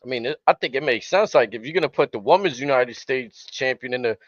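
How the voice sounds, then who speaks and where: A man's voice: medium pitch, expressive, fast talker, no echo, dull audio. A man co-hosting a live stream, talking wrestling in a blunt, profane, joking way. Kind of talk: casual wrestling chat.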